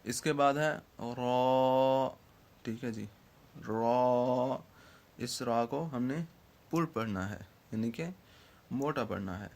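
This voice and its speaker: A man's voice: medium pitch, vocal fry. A man teaching Quran letter pronunciation in an online lesson, patiently checking in after each point and drawing out the letter sounds.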